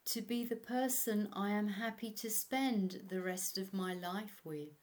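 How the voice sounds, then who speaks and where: A woman narrating a guided meditation as an instructor, in a measured way. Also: mid-range voice. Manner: slow, measured, instructional delivery.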